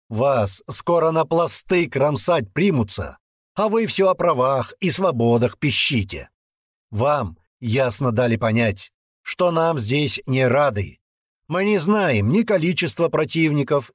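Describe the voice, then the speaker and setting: A man voicing a gruff, brutal old male warrant officer who barks and taunts loudly. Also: mid-range voice, no echo, clean studio sound, voice pushed up. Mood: commanding. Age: older. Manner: barking, taunting, loud.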